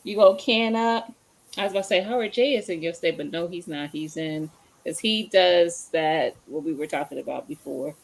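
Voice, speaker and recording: A woman's voice: fairly low pitch, moderate pace. A woman hosts a casual live stream. She chats easily, calling out viewers by name while she searches her kitchen, and sometimes drifts away from the mic. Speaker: livestream host. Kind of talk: casual livestream chat.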